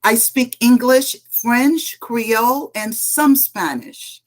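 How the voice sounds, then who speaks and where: Speaking slowly in a slightly high voice, a middle-aged woman from Haiti, a political candidate, gives earnest, emphatic answers in a panel interview. She lists her points one at a time.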